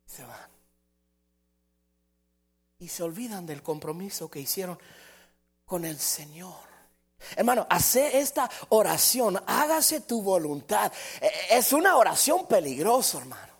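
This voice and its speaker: High-voiced impassioned male preacher. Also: sing-song, unhurried, long pauses, slightly rough. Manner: impassioned preaching, swinging from loud to hushed. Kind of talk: sermon.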